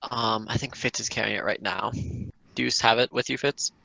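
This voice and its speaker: A man's voice: fairly low pitch, fairly even intonation, moderate pace, gravelly, pushed and bright, no room sound, poor audio. A man taking part in a tabletop game, talking casually as a player in role-play.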